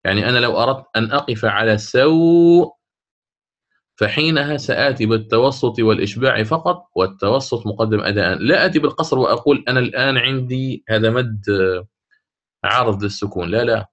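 A man with a North African Arabic accent teaching a lesson on Quran recitation rules. He explains, then slows down to recite the example words. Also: medium pitch, a bit bright.

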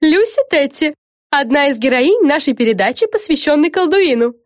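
A woman's voice: high-pitched, animated, moderate pace, no echo, clean studio sound, pitched above the performer's own voice. A woman voicing a pushy young witch who acts like a television presenter. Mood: presenting. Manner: bossy, presenter-like. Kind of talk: audiobook character voice.

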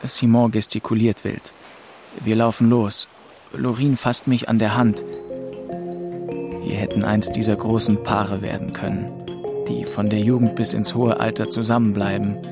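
In a literary radio drama, a man narrates and plays the lead: a melancholy, drifting twenty-two-year-old reflecting on his travels. His voice is low with little pitch movement, a little slow, and brooding and reflective in mood, with music playing underneath.

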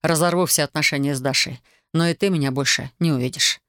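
Brooding young soldier, a woman reading him low and close, dry sound. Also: quick pace, fairly bright tone, no echo. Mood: cold. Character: young man, ardent soldier, intense and bitter.

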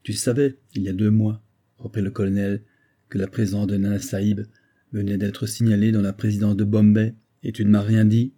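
A man voicing a grave, vengeful retired colonel with a husky voice, speaking in solemn, insistent declamation. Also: fairly low pitch, flat delivery, a little fast, dark tone, lightly acted. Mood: stern resolve.

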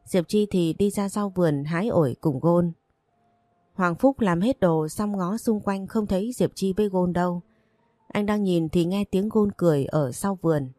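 A woman narrates a romance novel in an even, steady storytelling voice. Her pitch sits on the low side, and the recording is dry and close to the mic. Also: moderate pace, no room sound. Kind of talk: scripted audiobook narration.

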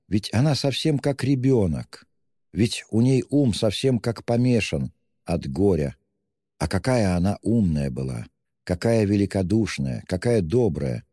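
A man's voice: fairly low pitch, expressive, a little slow, warm tone, dry recording, clean studio sound, in a large hall, pitched above the performer's own voice. A man voicing a timid, pious young woman who pleads breathlessly in an audiobook reading. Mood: anguished pleading. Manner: pleading, breathless, wringing out words.

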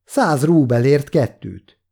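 A brash young soldier, breezy and teasing, tossing off quips, as the audiobook reader voices him. A mellow, warm-toned voice lifted into a livelier register. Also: male voice, medium pitch, lively intonation, creaky, breathy edge. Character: cocky young male soldier, joking and brash. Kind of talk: audiobook character voice.

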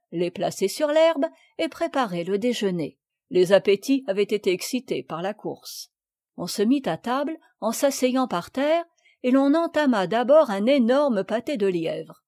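A woman reading a classic children's novel aloud in measured, clear scripted narration. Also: a little high, a little mellow, no room sound, studio quality. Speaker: audiobook reader.

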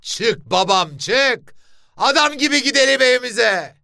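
A man voicing a rough village father who coaxes, threatens and pleads in drawn-out calls. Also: extremely high pitch, lively intonation, bright, forceful tone, voice pushed up, exaggerated voice. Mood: coaxing.

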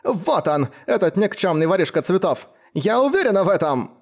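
A shrill, furious old woman, bony and gray-haired, as a male narrator puts her on. Her accusing voice climbs high and strains at the top. Every word comes out as a shriek. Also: sing-song, moderate pace, a little mellow, heavily acted.

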